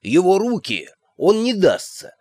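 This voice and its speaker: A man's voice: mid-range voice, lively intonation, measured pace, no room sound, studio quality, natural voice. A man voicing a nervous young male servant who speaks weakly and timidly. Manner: weak, timid.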